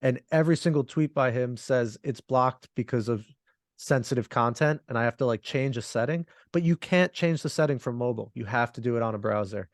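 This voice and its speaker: A man co-hosts a podcast in relaxed, rambling conversation, laughing often. His voice has a gravelly edge. The sound is dry, with no room echo. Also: mid-range voice, brisk. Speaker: podcast co-host. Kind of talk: casual chat.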